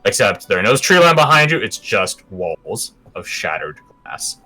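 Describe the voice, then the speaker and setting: A man narrating a tabletop game as game master, moving between dramatic, drawn-out description and casual asides. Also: fairly low pitch, very animated, bright, forceful tone, soft background music.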